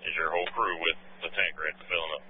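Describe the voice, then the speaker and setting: Male incident commander, urgent firefighter radio delivery: flat, very deep, clipped orders, narrow two-way radio sound. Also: quick pace. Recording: noisy, narrow-band two-way fire radio.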